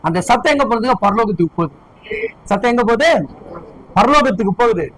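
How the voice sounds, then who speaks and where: Man preaching in church, pretty high voice, keeps throwing questions at the crowd. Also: expressive, quick pace, a bit bright, no echo, poor audio. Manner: fervent preaching with repeated rhetorical questions to the congregation. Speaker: pastor. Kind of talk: sermon.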